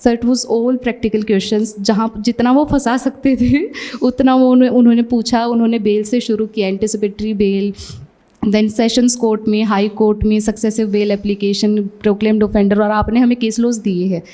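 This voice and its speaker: Fast-talking young woman, soft mellow voice. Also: on the high side, fairly even intonation. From Haryana, India. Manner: talks very fast; mixes English phrases into Hindi. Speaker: successful exam candidate being interviewed. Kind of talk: casual conversational interview.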